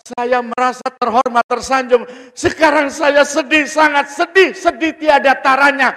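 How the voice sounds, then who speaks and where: Sobbing date palm tree pleading its grief, high and loud, as a preacher puts it on, echoey hall. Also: male voice, full character voice.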